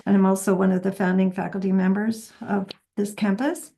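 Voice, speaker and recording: Mellow, gravelly woman on a video call. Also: medium pitch, level tone, fairly quick. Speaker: panelist, academic dean. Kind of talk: measured self-introduction on a video call.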